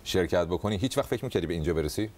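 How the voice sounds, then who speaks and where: A man hosting a comedy talk show, interviewing a guest in a playful, teasing way. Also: low-pitched. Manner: teasing, jokey, animated asides. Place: TV studio.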